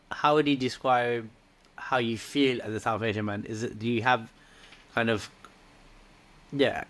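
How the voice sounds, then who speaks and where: A man hosting a podcast interview, asking thoughtful questions in a measured way with frequent fillers. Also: mid-range voice, fairly bright tone. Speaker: host, men's coach.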